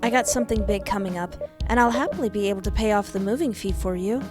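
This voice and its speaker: A woman plays a frank, caring young woman next door in a video game. She sounds casual and reassuring, a bit awkward, with clear music behind her. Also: medium pitch, quick pace, close to an everyday voice.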